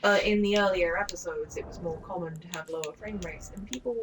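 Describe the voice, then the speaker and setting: A woman's voice: fairly low pitch, fast, slight background noise, rough recording. A woman chatting casually and rambling on a live game stream, with many fillers and offhand swearing. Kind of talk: casual chat.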